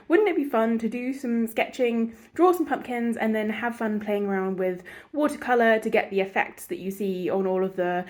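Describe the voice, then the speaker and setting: A woman with a stuffy, congested voice from a cold, hosting a casual drawing and painting tutorial in a chatty, rambling, self-mocking way. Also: fairly high pitch. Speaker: art channel host.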